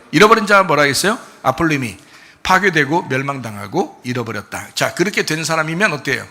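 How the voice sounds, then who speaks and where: A male pastor delivering a sermon, emphatic and full of rhetorical questions, moving between quiet explanation and loud insistence. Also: mid-range voice, breathy edge. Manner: emphatic preaching, swings from soft to loud.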